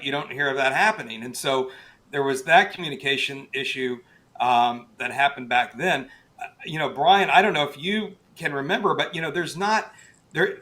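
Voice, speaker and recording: Guy being interviewed as a weather expert, explains stuff conversationally, kinda halting, stresses key words. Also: medium pitch, a bit bright. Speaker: guest, television chief meteorologist.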